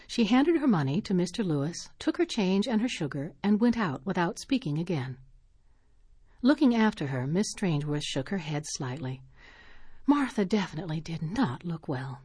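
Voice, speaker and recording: A woman narrating a short story in a measured, expressive reading. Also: lowish voice, husky, dry recording, clean studio sound.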